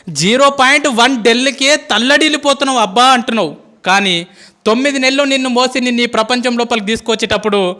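A man's voice: extremely high pitch, bright, forceful tone. A male school teacher gives an impassioned, pleading motivational speech to students. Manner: impassioned, pleading, calls listeners "boss".

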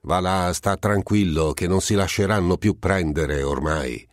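A man voicing an eccentric older gentleman who talks in a mild, coaxing way, in a storybook reading. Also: deep voice, unhurried, no room sound, clean studio sound. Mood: soothing.

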